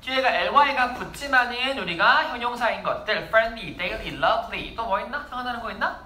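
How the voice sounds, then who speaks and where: A woman teaching English vocabulary to a class, brisk and drilling words aloud for the students to repeat. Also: on the high side, expressive, pushed and bright, echoey room, a little hiss or hum.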